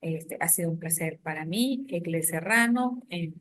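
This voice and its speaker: A middle-aged woman law professor giving a recorded online lecture, measured and deliberate, often restarting phrases and checking in with a rhetorical question. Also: lowish voice, lively intonation, fairly bright tone.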